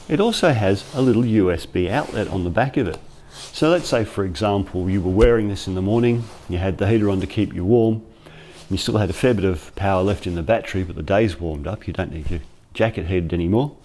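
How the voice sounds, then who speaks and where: A man's voice: low-pitched, lively intonation, brisk, a little mellow, a little hiss or hum. A man giving a casual, chatty product review in his workshop, thinking aloud as he goes, on a clip-on mic. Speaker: workshop vlogger. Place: cold workshop. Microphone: clip-on lapel mic.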